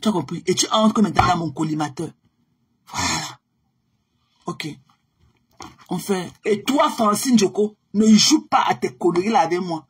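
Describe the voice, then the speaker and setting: A woman's voice: on the low side, expressive, moderate pace, long pauses, slightly rough. A woman, ranting confrontationally on a live stream and dropping in English phrases. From Cameroon. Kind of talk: heated live-stream rant.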